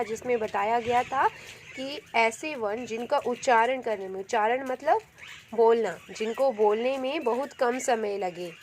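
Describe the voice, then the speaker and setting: A woman's voice: on the high side, darkish tone, slight background noise. A woman teacher patiently explaining a grammar lesson, repeating each point and checking in often. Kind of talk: Hindi grammar lesson with notes.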